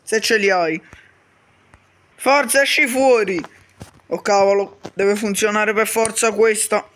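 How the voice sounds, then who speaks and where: A man voicing several characters in a comedic game role-play, bickering quickly with frequent swearing and shouty outbursts. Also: sits high. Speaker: YouTuber voicing all characters.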